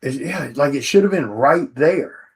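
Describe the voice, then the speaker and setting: A man's voice: on the high side, animated, unhurried, husky. A tired man who is a comic artist, chatting casually on a livestream while he sorts orders and mutters the items to himself.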